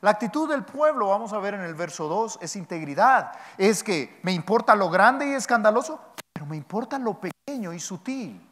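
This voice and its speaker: A man preaching a sermon as pastor, animated and teasing his congregation with rhetorical questions. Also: high-pitched, moderate pace. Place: church hall. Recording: long church hall reverb.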